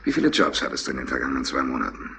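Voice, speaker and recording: A man's voice: very deep voice, sing-song, very fast, vocal fry, sharp tone, full character voice. A man playing a dogged, polite police lieutenant in a 1960s radio crime drama, questioning with mild apology. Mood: probing. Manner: probing, mildly apologetic questioning. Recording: old radio play with faint hiss.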